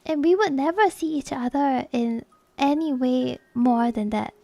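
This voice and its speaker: Young woman streamer, off-the-cuff chat with viewers, candid and profane, laughs easily, slightly high voice. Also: unhurried, gravelly, dark tone, dry recording. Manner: candid, laughs often, swears casually.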